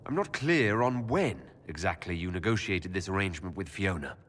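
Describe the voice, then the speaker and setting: A man's voice: deep voice, expressive, moderate pace, a bit bright. An actor playing a wary, direct young envoy, firm and diplomatic in his questioning. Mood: probing. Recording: long hall reverb.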